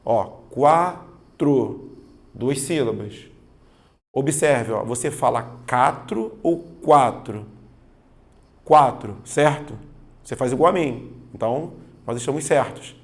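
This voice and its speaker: A mid-range male voice, a little slow, delivers a patient Portuguese grammar lesson aimed at exams. The teacher explains carefully, stresses his examples aloud, and keeps asking "certo?" and "tá vendo?" to make sure everyone follows.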